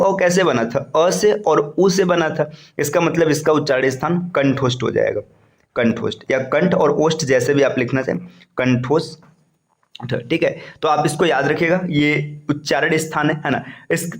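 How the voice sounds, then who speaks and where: Teacher type, young man, fairly high voice, patient and repetitive online lecture delivery. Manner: explains slowly and repeats, with frequent "है ना". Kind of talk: online exam-prep lecture.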